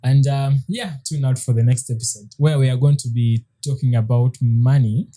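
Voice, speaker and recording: A man in his thirties co-hosting a podcast in casual chat, hesitant, with frequent restarts and soft laughs. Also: medium pitch, moderate pace. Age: 30s. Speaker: podcast co-host.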